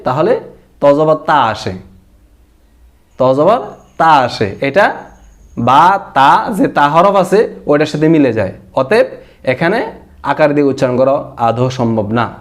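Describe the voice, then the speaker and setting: A man with a Bangladeshi Bengali accent teaching Quran recitation, emphatic and repeating his points, drawing words out slowly to demonstrate. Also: a little high. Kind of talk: explanatory lesson.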